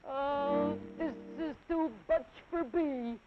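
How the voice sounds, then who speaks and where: A woman's voice: lively intonation, moderate pace, noisy background. A woman voicing a curious young male elephant calf who talks eagerly and very politely, on a dull lo-fi 1950s TV kinescope recording. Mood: pained. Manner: eager, extremely polite, squeaky.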